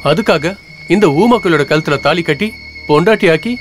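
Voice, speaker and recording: A man's voice: on the high side, brisk, close to an everyday voice. An actor playing a greedy young man who schemes to marry a rich girl, speaking in a sneering, mocking way. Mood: scheming. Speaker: film character. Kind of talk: Tamil film dialogue. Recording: film soundtrack with music underneath.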